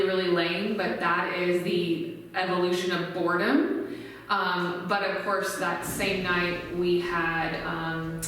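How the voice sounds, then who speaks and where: A woman's voice: lowish voice, fairly bright tone. A woman, a veteran, telling a service anecdote in a wry storytelling manner. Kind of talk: interview anecdote. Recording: echoey hall, distant mic.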